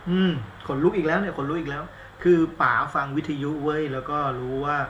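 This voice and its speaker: A man's voice: on the high side, fairly quick, fairly bright tone, reverberant, muffled recording, slight background noise. A man doing a casual live-stream movie review, chatty and rambling, with blunt slang and self-mocking asides. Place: indoors at home, live stream.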